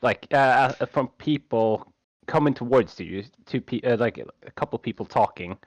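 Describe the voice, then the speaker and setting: A man running a tabletop game as game master, narrating in halting, hesitant phrases. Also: mid-range voice, expressive, no echo, highs cut off.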